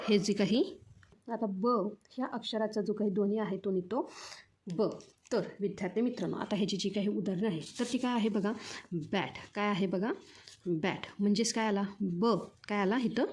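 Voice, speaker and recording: A woman's voice: medium pitch, a little mellow, a little hiss or hum. A woman with a Marathi accent teaching phonics to children, repeating each sound and asking questions. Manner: repetitive question-and-answer teaching.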